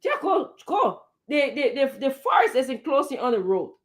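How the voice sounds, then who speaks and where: A woman delivers heated political commentary on a talk show, her voice sitting a bit higher than most women's. She talks with indignant emphasis, repeating words as she builds up steam and firing off rhetorical questions. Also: sing-song, normal speed. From Liberia.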